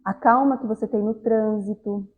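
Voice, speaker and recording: A woman's voice: mid-range voice, fairly even intonation, normal speed, phone-quality sound. A woman giving a spiritist talk, speaking conversationally and often addressing the audience directly. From southern Brazil. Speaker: lecturer at a spiritist center.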